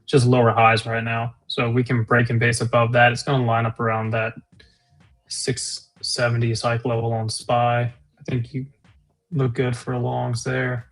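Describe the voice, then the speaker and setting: A man's voice: mid-range voice, completely flat delivery, faint music behind, low-quality recording. Matter-of-fact male market commentator. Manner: measured, matter-of-fact explaining. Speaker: trading co-host.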